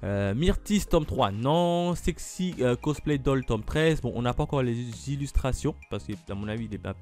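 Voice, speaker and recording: A man's voice: mid-range voice, lively intonation, normal speed, a little mellow, faint music behind. A man casually going through upcoming manga releases, thinking aloud with lots of fillers as he reads titles off a list. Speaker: manga YouTuber.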